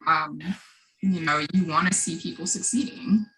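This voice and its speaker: A woman's voice: low-pitched, normal speed, fairly bright tone, rough recording. A woman hosting a podcast interview, supportive and appreciative toward her guest. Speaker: podcast host. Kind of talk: interview conversation.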